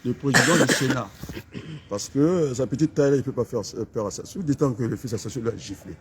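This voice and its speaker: A man's voice: medium pitch, fast talker. Brief: middle-aged man, combative political rant, medium voice, outdoor street take, faint traffic hum. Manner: fiery, combative, mocking, with sudden loud outbursts. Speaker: political activist. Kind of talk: impassioned political rant to camera. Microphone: camera held by a companion.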